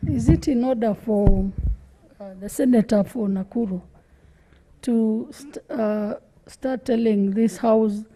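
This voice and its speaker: A Kenyan woman makes a formal parliamentary objection in a fairly high but very dark, soft-toned voice. It carries the long reverberation of a large hall. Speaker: senator raising a point of order.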